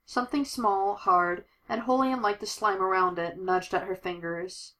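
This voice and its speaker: A woman reading a superhero story aloud, giving the characters lively voices. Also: medium pitch, moderate pace, poor audio. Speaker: audiobook narrator.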